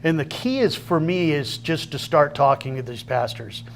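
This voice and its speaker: A man talking as a guest on a talk show, earnest and folksy, often pausing mid-thought. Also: a little high, animated, a little hiss or hum. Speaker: guest, outreach coordinator. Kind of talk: casual interview chat.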